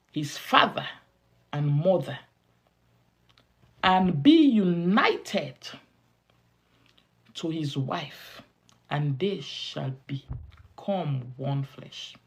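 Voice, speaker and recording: A woman delivers a sermon-style teaching in a slow, deliberate rhythm, and her voice has a husky edge. She leans on repetition for emphasis, and her pitch rises and falls widely as she drives each point home. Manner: emphatic, repeats key phrases for stress; preaching cadence with drawn-out stressed words. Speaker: women's ministry teacher.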